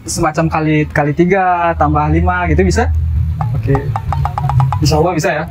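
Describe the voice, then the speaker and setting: A man's voice: a little high, steady tone, normal speed, over music, low-quality recording. A man in his twenties chatting and explaining as a street interviewer, recorded outdoors by a road. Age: 20s. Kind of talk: casual street chat.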